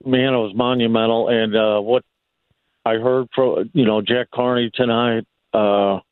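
A man calling in to a radio show over the phone, chatting casually and haltingly, with many fillers and restarts. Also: medium pitch, flat delivery, clear, resonant tone, no room sound. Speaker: caller. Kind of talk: casual call-in chat. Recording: tinny phone line.

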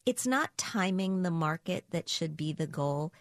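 A woman with a somewhat low voice explains money matters in a steady, clear way. She sounds like a personal finance co-host talking things through on a show. The sound is dry and close. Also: unhurried, dry recording. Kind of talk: conversational explanation.

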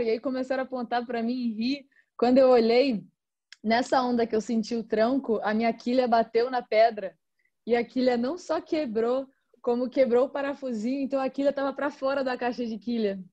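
Woman, relaxed casual story, fillers, higher pitch, dull lo-fi recording. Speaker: surfer. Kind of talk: casual chat among friends.

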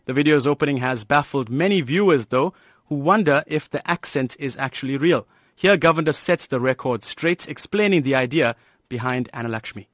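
A man reading a scripted news report in a smooth, measured way. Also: mid-range voice, fairly bright tone, no room sound.

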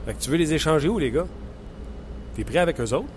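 Blunt Quebec French sports talker. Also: male voice, on the high side, expressive, fast, a little hiss or hum. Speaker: sports radio co-host. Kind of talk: casual sports talk.

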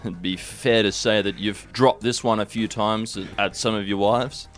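A man's voice: on the low side, steady tone, moderate pace. An Australian man co-hosting satirical news with dry, mock-earnest commentary. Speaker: co-host of satirical news show.

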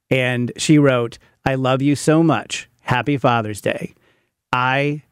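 Here the same fifties-aged podcast guest, father of a teenager, uses a mid-range voice captured dry with studio clarity. His storytelling stays conversational and candid, mixing emphasis with self-deprecating humor.

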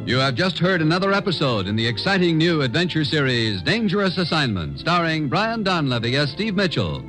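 A man's voice: a little high, sing-song, a little fast, low-quality recording. An American man announcing in a scripted 1950s network radio style. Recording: vintage radio broadcast with music.

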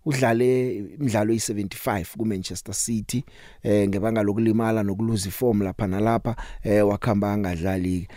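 A South African man hosting a sports radio show, talking through news and interviews conversationally with drawn-out pauses. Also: on the low side, steady tone, warm tone, no room sound, studio quality.

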